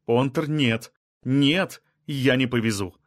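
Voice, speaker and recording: A man's voice: mid-range voice, slow pace, no echo, studio quality, pitched above the performer's own voice, close to an everyday voice. A male reader voicing an anxious, insistent woman scientist who keeps pressing with questions. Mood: pleading.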